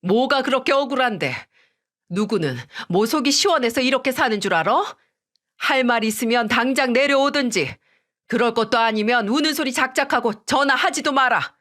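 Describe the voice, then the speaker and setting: A woman's voice: a little high, lively intonation, moderate pace, a bit bright, pitched above the performer's own voice. Woman putting on a scolding older mother-in-law.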